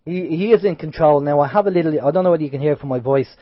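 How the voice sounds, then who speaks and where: Speaking very fast in a somewhat high voice, this internet radio co-host has a sore throat and a slightly nasal tone. He's casual and a little rambling, starting lively and then trailing off. His studio recording sounds dry, dull, and lo-fi.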